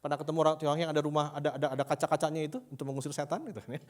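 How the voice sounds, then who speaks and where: A man's voice: on the high side, flat delivery, very fast. A man preaching a casual, humorous sermon to a congregation, often asking them questions. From Indonesia.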